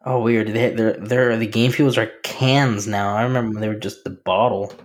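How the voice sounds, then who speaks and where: A man's voice: lowish voice, steady tone, moderate pace. A man co-hosting a podcast in casual chat, easygoing and a little hesitant.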